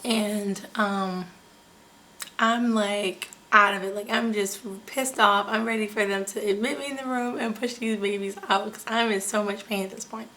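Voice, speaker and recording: A woman's voice: mid-range voice, fairly even intonation, normal speed, sharp tone, poor audio. Chatty young woman telling a story. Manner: chatty, candid, many fillers, addresses viewers directly. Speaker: vlogger. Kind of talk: casual storytelling to camera.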